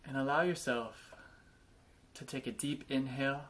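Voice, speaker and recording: Guiding a body scan meditation, a medium-pitched male voice speaks in soft invitations, pausing often.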